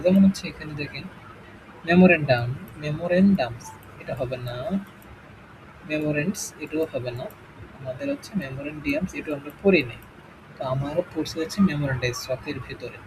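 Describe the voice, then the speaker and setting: Man teaching exam English, noisy recording. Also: on the high side. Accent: Bangladeshi Bengali. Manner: explains step by step, asks "okay?" often. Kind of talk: exam-prep lesson.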